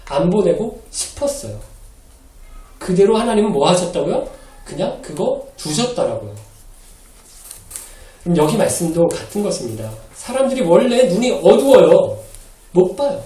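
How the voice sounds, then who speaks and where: A man preaching a Sunday sermon as pastor, animated and acting out quoted lines in a changed voice. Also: high voice, normal speed, long pauses. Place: church hall. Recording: echoey hall, mic from a distance.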